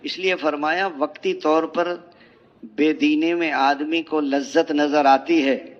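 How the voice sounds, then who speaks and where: A man's voice: on the high side, fairly even intonation. A man with a Pakistani Urdu accent preaching an emotional religious sermon, telling parables and asking rhetorical questions. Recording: dull lo-fi audio.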